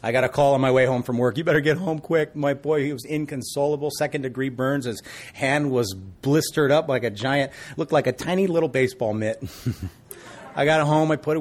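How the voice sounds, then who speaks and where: Earnest folksy male preacher. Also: a little high. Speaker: pastor. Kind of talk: sermon.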